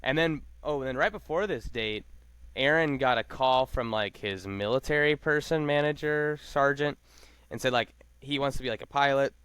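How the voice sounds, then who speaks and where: A man's voice: medium pitch, a bit bright, clear, resonant tone, no room sound. A man co-hosting a podcast, chatting casually and slangily as he recaps a reality show. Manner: laid-back, slangy, talks fast with lots of fillers. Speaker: podcast co-host.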